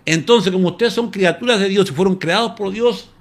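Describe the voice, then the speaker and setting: A man preaching while jokingly voicing lions that solemnly agree to fast and pray. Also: high voice, pitched above the performer's own voice. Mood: playful. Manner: playful, mock-solemn.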